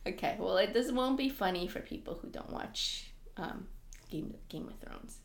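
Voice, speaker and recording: A woman co-hosting a podcast in casual chat, talking in an animated way with lots of fillers. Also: mid-range voice, normal speed, gravelly, reverberant. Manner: chatty, animated, frequent "like" fillers. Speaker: podcast co-host.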